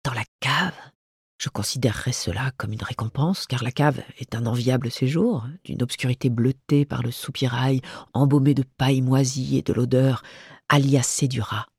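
A reader voicing a haughty male Chartreux cat who talks slowly and with lordly disdain, in a storybook reading. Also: mid-range voice, darkish tone, no room sound, studio quality, close to an everyday voice. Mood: musing.

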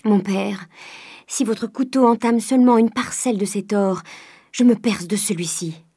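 Woman reading a young daughter begging her dad, high and loud, kinda husky. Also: moderate pace, no room sound, studio quality. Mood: pleading, desperate. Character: desperate young woman pleading with her father.

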